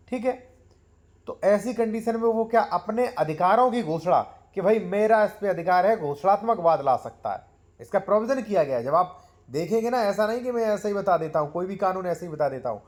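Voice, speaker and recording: A man teaches land law to his viewers in a fairly high voice. He explains step by step and calls them friends. He slows right down to read out the legal clauses.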